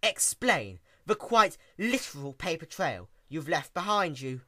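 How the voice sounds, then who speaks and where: A storyteller voicing a furious, exasperated young female pony princess who scolds with heavy emphasis in a cartoon fan story. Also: a little slow. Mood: controlled anger. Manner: emphatic, swinging from icy calm to booming shouts.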